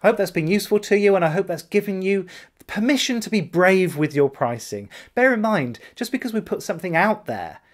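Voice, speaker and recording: A man's voice: high-pitched, animated, brisk. A man in his forties, a salon business coach, talking to camera and walking through pricing figures step by step in an upbeat, explanatory way. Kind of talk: direct-to-camera business tutorial. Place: indoor room with decorated wall.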